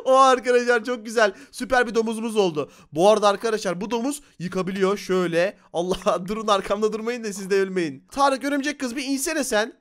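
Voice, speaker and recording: A man doing excitable, laugh-filled let's play commentary on a Minecraft game for his viewers. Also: high voice, fast talker, hardly any pauses. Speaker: gaming YouTuber.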